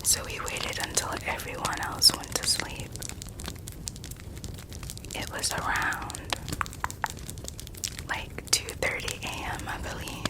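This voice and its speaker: A person telling stories in a soft, breathy ASMR whisper, lingering over words and softly repeating some of them. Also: takes it slowly, pauses often. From United States. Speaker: ASMR creator.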